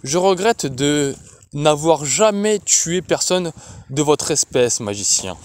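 A man voicing a condemned male assassin who speaks coldly and with a hoarse defiance. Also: a little high, expressive, unhurried. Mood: defiant.

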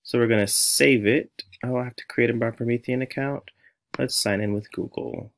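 A man in his thirties with an American accent speaks in a mid-range voice at normal speed, with vocal fry. A music teacher and tutorial host, he's animated and playful, thinking aloud and talking to himself through a casual tutorial.

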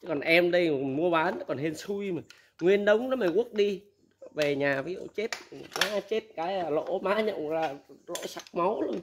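A man's voice: a little high, normal speed, few pauses, a little hiss or hum. A man, casually giving blunt, candid advice as a used machinery dealer, laughing often.

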